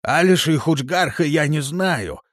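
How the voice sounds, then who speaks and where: Male reader doing a screaming cowardly thug, high strained voice, loud, pleading and whining. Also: lively intonation, a little slow, no room sound, studio quality. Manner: yelling, pleading, sobbing. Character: panicky burly male thug, shrill and whining. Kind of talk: audiobook character voice.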